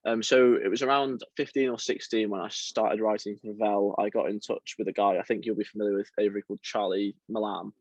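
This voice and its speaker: A young man from around Liverpool, chatting as a football writer guest in a relaxed, self-deprecating way with lots of fillers. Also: lowish voice, a little fast, hardly any pauses, no room sound. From England, around Liverpool. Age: young adult. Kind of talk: casual interview chat.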